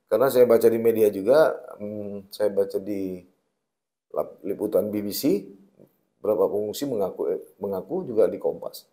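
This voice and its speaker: A man's voice: fairly low pitch, moderate pace, warm tone. Probing male interviewer, hesitant. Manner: probing, thinking aloud with hesitations. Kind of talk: conversational interview.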